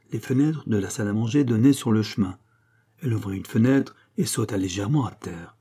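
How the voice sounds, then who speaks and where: A man narrating a classic novel as an audiobook, reading in a measured, dramatic way. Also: lowish voice, mellow, breathy edge. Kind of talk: scripted narration.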